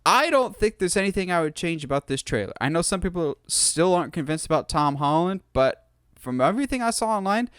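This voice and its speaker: A man's voice: high-pitched, big pitch swings, fairly quick, a bit bright, clear, resonant tone, dry recording, studio quality. A man hosting a podcast, talking in an enthusiastic, opinionated way in casual chat. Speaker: podcast host.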